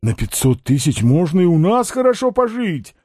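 A naive, eager male sidekick with a scratchy voice, as a male reader acts him out. He drags out his words in a pleading way. His tone stays mellow, and the recording is dry and close. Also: high voice, very animated, normal speed, no room sound, voice pushed up.

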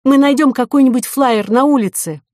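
A woman voicing an impulsive young heroine in an audiobook, speaking in urgent, hurried calls. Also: mid-range voice, darkish tone, no echo, clean studio sound, natural voice.

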